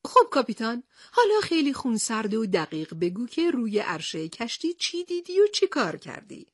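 A woman voicing a calm, level-headed young male reporter who leads the group, speaking steadily in a storybook reading. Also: fairly high pitch, dry recording, clean studio sound. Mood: firm.

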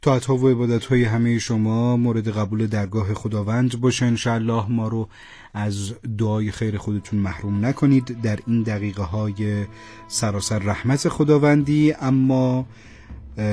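Mellow low-voiced male presenter. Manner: polite, measured, pious phrasing. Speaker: program presenter. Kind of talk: formal broadcast announcement.

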